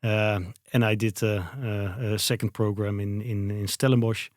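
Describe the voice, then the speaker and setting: A Dutch man in his thirties, born in the Netherlands and a native Dutch speaker, answers interview questions in English as a guest and company founder. His lowish voice is flat and moderately paced, with a Dutch accent, and he hesitates, hunting for words amid many fillers. The studio-quality recording has no room sound.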